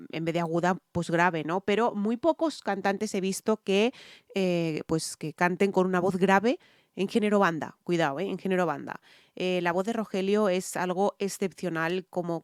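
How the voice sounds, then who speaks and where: A woman's voice: on the low side, darkish tone, clean tone, dry recording, clean studio sound. A woman from Spain with a Spanish accent, a singer chatting casually as she analyzes another singer's voice, explaining at length with frequent "eh" fillers. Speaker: singer reacting to music videos. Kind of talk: casual reaction and vocal analysis.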